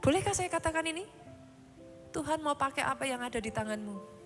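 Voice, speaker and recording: A woman's voice: high-pitched, animated, fairly quick. A woman pastor preaching a sermon with passion, often slipping into English phrases and acting out the doubts of her listeners. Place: large church auditorium. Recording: large echoing church hall with music.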